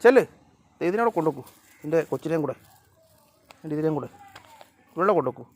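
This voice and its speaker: A man talking casually to his cats and dogs outdoors by a road, coaxing them and sometimes shouting at them to move. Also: a little high, expressive, fast talker. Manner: coaxing and scolding the animals, shouting now and then. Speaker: vlogger. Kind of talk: casual chat with his pets.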